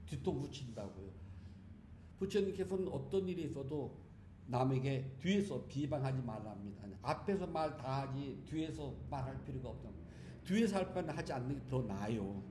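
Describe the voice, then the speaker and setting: A man's voice: mid-range voice, mellow. A male Buddhist monk giving a chatty, humorous sermon in a temple hall, often speaking to his listeners directly. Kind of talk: conversational sermon. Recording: echoey hall with faint background noise.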